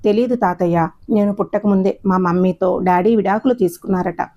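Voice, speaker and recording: A woman's voice: medium pitch, brisk, dull audio, natural voice. A woman voicing a tearful young daughter who pleads plaintively. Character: young adult daughter, tearful and longing for her father.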